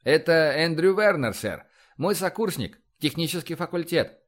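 A man's voice: a little high, expressive, moderate pace, pitched above the performer's own voice, lightly acted. A man voicing a nervous young starship officer who pleads and insists under questioning. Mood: defensive. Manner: flustered, pleading, breaks into shouting.

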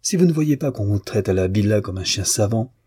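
Lecteur masculin jouant une jeune fille orgueilleuse et moqueuse, timbre sombre et voilé, ton dédaigneux. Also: male voice, fairly low pitch, expressive, fairly quick, dark tone, husky. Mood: scornful. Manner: cutting, disdainful. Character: proud young woman, scornful and calm.

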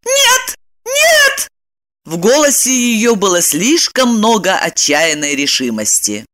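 A woman narrating an audiobook in a lively, emotional storytelling manner. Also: on the low side, a little slow, no echo, studio quality.

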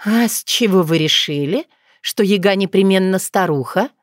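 A woman's voice: medium pitch, expressive, normal speed, dry recording, close to an everyday voice. A woman playing a wry young witch. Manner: dry, sarcastic. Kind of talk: audiobook character voice.

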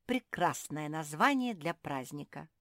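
A woman voicing a calm, wise female dog in a children's audiobook, brisk and composed. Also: sits low, no echo, clean studio sound.

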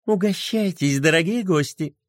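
A man voicing a sweet, gracious princess hostess in a storybook reading, soft and cooing. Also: on the high side, huge pitch swings, unhurried, no echo, clean studio sound, exaggerated voice.

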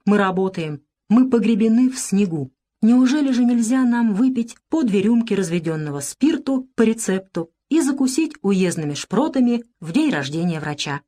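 A woman voicing a flustered young male country doctor in a storybook reading, speaking in an excited, raised voice. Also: on the high side, normal speed. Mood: pleading.

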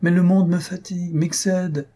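A man's voice: high voice, level tone, normal speed, mellow, slightly rough, pitched above the performer's own voice. A man voicing an emotional young countess who pleads in a raised, lilting voice, read from a classic novel. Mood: weary. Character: young countess, tender, tearful, highly emotional.

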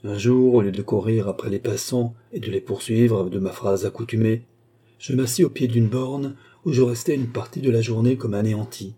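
A plaintive young noblewoman of fallen birth recounts her childhood, read by a man. The tone is very dark and mellow, with a husky grain, grave and earnest in an audiobook telling. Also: mid-range voice, fairly even intonation, moderate pace, close to an everyday voice. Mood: sorrowful. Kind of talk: audiobook reading.

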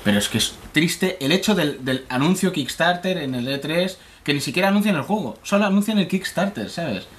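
A man's voice: a little high, lively intonation, fairly quick, few pauses, fairly bright tone. A man, co-hosting a casual podcast chat, exasperated and critical. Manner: exasperated, critical, stacks up arguments. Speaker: podcast co-host.

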